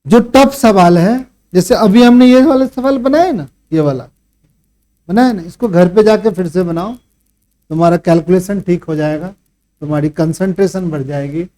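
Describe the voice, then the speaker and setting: A male math teacher with a warm, high-sitting voice lectures his class at a moderate pace. He quizzes and scolds the students, leaning on rhetorical questions, and gives them a stern pep talk about working hard at home.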